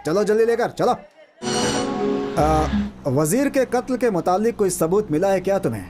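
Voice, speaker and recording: A man's voice: high-pitched, lively intonation, normal speed, loud music behind the voice. An actor playing a shrewd, commanding male police officer in dubbed film dialogue, questioning his men with sardonic remarks.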